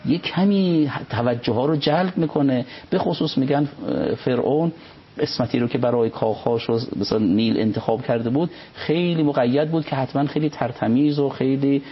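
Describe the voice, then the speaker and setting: A man, a religious scholar, reciting Arabic passages and explaining them in an unhurried conversational commentary. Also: medium pitch, breathy edge. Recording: dull lo-fi recording.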